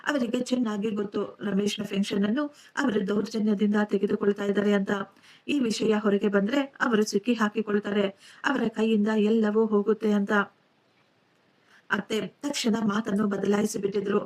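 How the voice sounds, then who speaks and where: A woman narrating an emotional first-person family story in a steady storytelling voice. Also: mid-range voice, moderate pace.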